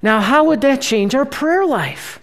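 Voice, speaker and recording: Conversational preacher with hushed, slowed asides. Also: high-pitched, expressive. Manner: conversational preaching, frequent "right?" check-ins; swings between emphatic bursts and hushed, slowed phrases. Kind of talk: sermon.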